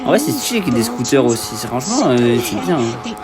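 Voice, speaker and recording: A man's voice: mid-range voice, big pitch swings, quick pace, over music. A young man giving casual, joking gameplay commentary with street slang and talking straight to his viewers. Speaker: gaming video creator. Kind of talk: let's play gameplay commentary.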